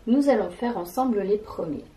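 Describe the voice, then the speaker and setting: A woman teaching a children's lesson, speaking deliberately and spelling out syllables and sounds one by one. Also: mid-range voice, lively intonation, mellow, poor audio. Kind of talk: slow, clearly articulated classroom lesson.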